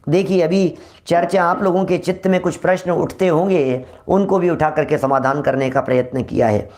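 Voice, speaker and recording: A man's voice: on the high side, moderate pace, darkish tone. A man delivering a Jain religious sermon, asking rhetorical questions and briefly mimicking other people's voices. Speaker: Jain preacher.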